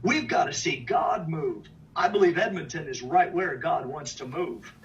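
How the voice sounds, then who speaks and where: A man's voice: on the high side, expressive, normal speed. Man preaching, drags out big phrases, sounds far from the mic, kinda muffled. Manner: emphatic, draws out key phrases, lists places. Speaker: minister. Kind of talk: preaching-style talk. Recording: distant, dull mic with faint noise.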